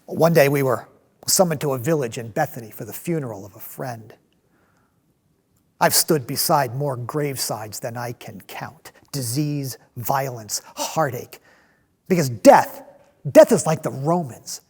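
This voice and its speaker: An actor playing a passionate, restless disciple in a dramatic monologue, telling his story with halting, emphatic delivery and repeated words. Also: medium pitch, expressive, darkish tone, husky. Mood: somber. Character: passionate male zealot disciple, restless man of action, recalling Jesus.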